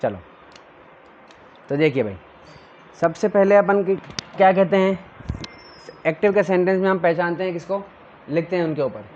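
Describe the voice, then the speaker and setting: A man's voice: sits high, normal speed, long pauses, a little mellow, dull audio, a little hiss or hum. A male teacher giving a classroom grammar lesson, drilling his students with questions and answers.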